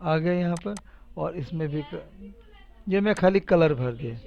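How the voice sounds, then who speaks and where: A computer teacher with a fairly high voice, vocal fry and lively intonation walks through a casual live spreadsheet tutorial at an unhurried pace. He chats, repeats himself, teases and encourages, and the recording is dull and lo-fi.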